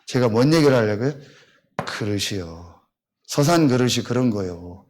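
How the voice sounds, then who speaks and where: A man's voice: mid-range voice, animated, normal speed, a little mellow, slight background noise. A man from Seosan, a pastor, preaching a blunt sermon full of rhetorical questions to his congregation. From Seosan, South Korea.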